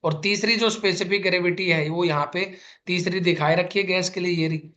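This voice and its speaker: High-voiced man teaching chemistry. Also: steady tone, fairly quick, sharp tone. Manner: calls students "beta", explains patiently with repeated questions. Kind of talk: exam-prep lecture.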